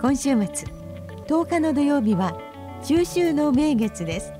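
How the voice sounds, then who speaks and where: Expressive woman reading a children's story. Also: high voice, takes it slowly, over music. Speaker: host and narrator.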